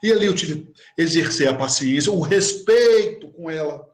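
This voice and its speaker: A man's voice: on the high side, animated, normal speed. A man giving a humorous, storytelling spiritist talk to his brothers and sisters. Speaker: spiritist speaker. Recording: echoey room.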